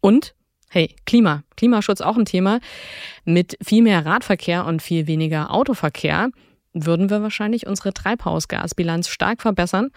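A woman's voice: lowish voice, normal speed, dry recording. Woman co-host, dry studio sound. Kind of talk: scripted radio feature chat.

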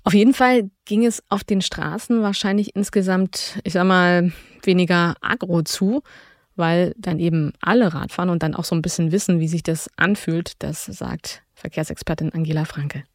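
A woman co-hosting a radio feature who explains ideas clearly in a lively way. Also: on the low side, normal speed, no echo, studio quality. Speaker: co-host. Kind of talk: scripted radio feature chat.

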